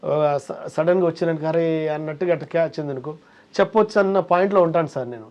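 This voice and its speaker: Fast-talking man telling showbiz stories. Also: a little high, a little mellow, highs cut off. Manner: tells stories acting out quoted voices. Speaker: interview guest, comedian and mimicry artist. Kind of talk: casual interview talk.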